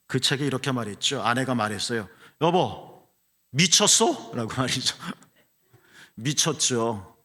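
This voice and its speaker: A man's voice: mid-range voice, a bit bright. A male pastor preaching a sermon, telling the story vividly and acting out the quoted voices.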